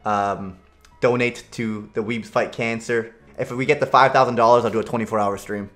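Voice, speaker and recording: A young man hosts a casual online quiz with an easy, teasing manner and frequent laughter. His voice sits at an ordinary middle pitch and comes through a close streaming microphone. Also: steady tone, normal speed, a bit bright, faint music behind. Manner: teasing, laid-back, laughs often. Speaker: game show host.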